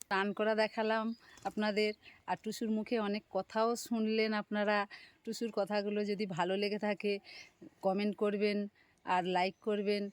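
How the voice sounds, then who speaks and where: A woman's voice: moderate pace, no echo. Woman with a Medinipur Bengali accent coaxing her pet. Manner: coaxes her pet bird in high, loud sing-song calls between calm explanations. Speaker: pet bird owner and vlogger. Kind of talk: casual home vlog narration.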